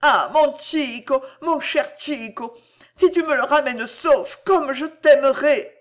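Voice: medium pitch, animated, a little slow, pitched above the performer's own voice, lightly acted. A reader voicing a proud, passionate young woman in an audiobook, with fierce, pleading outbursts. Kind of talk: audiobook character voice.

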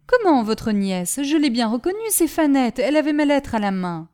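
A woman's voice: high-pitched, sing-song, normal speed, a little mellow, pitched above the performer's own voice. A woman voicing an emotional young male lieutenant who pleads in an agitated, tearful way. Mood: pleading.

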